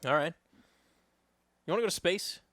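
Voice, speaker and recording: A man's voice: a little high, moderate pace, a bit bright, no echo, clean studio sound. A man with a New York accent co-hosting a podcast, teasing his friend with hypothetical questions in casual banter. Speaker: podcast co-host.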